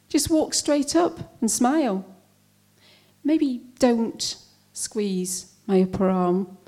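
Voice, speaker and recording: A woman's voice: medium pitch, dark tone. A woman performing a spoken-word poem with a wry, pointed delivery. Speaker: poet.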